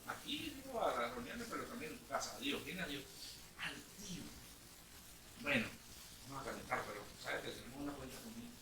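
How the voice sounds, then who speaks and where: A male pastor preaching a lively sermon, retelling a story with acted-out lines and questions to the congregation. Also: a little high. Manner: lively storytelling, acting out bits of dialogue with sudden loud outbursts. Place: church meeting hall. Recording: echoey room from a distance with faint noise.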